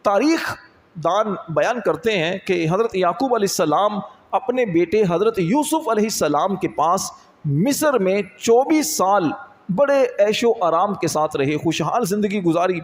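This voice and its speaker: A man giving an Islamic religious lecture, slowly reciting Arabic verses and then explaining them. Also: high voice, expressive. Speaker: Islamic preacher. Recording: long hall reverb.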